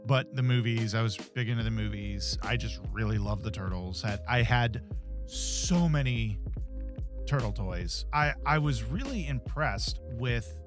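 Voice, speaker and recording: A man in his thirties co-hosting a casual movie review podcast, talking in an animated way and tripping over his words when excited. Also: medium pitch, unhurried, over music. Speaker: podcast co-host.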